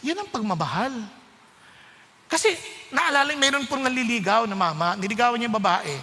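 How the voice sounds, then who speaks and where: A man preaching a sermon, switching between loud urging and hushed, emphatic lines. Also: very high-pitched, expressive, brisk, big-room sound.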